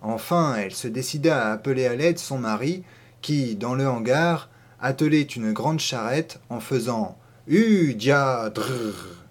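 A man narrating a classic short story in a measured, clear literary reading. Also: medium pitch. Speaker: reader.

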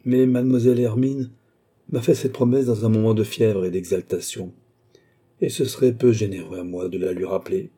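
A cold, calculating baronet, read by a man narrating a novel, talking with calm composure. His voice is low and husky, with a dark, mellow tone. He never raises it. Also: brisk. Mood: feigned sad. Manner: calm, cool and smooth. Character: cold scheming aristocratic male baronet.

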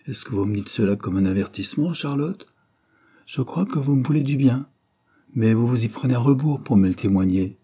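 A man's voice: mid-range voice, expressive, brisk, mellow, slightly rough. A man reading an audiobook, voicing an earnest young man who speaks reproachfully.

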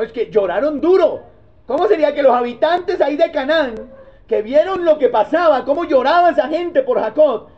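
High-voiced Colombian pastor preaching. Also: male voice, dull audio. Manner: conversational, keeps asking the congregation rhetorical questions; calls listeners brother, homely storytelling tone. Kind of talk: sermon.

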